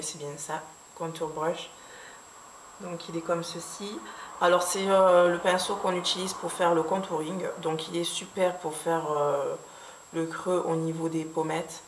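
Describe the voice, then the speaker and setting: A woman with a fairly low voice explains her makeup brushes one by one, pausing often with little fillers. She sounds recorded in a roomy, echoing space, with a faint hiss underneath. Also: steady tone. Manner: hesitant, many fillers, unhurried explaining. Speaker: beauty vlogger. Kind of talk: casual product review. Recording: echoey room with faint background hiss.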